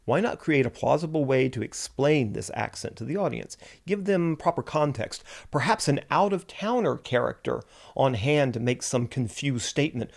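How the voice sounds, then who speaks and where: A man's voice: mid-range voice, animated, moderate pace, gravelly, hardly any pauses. A man, a writer, delivering a reflective spoken essay in a musing, wry and self-deprecating way.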